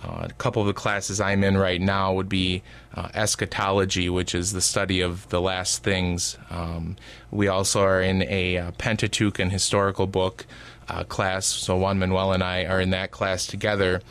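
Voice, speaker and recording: A man in his late twenties from Wisconsin with a very low, smooth, even voice. He talks as a radio guest, hesitant and full of small pauses and fillers. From Wisconsin, USA. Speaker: seminarian guest.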